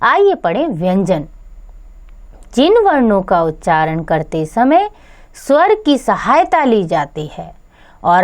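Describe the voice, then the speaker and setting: A woman narrating a children's grammar lesson in a scripted, careful way, speaking directly to the kids. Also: on the high side. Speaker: teacher.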